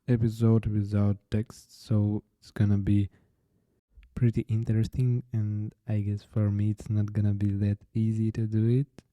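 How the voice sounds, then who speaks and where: A young man hosting his own podcast, telling his story unscripted in a halting way and often searching for words. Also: lowish voice, completely flat delivery, dark tone, no echo, highs cut off. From Ukraine. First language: Ukrainian. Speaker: podcast host.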